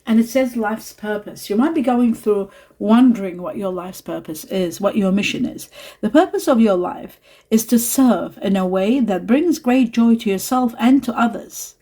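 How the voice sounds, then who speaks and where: A woman giving a spiritual tarot reading to her viewers, talking softly and reassuringly, pausing with fillers and asides. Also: mid-range voice. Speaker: tarot reader. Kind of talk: spiritual card reading to camera.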